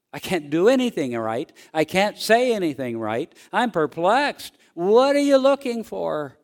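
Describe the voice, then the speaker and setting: Slow-talking folksy male preacher. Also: medium pitch. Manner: slow, folksy storytelling with frequent fillers. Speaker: pastor. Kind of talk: sermon.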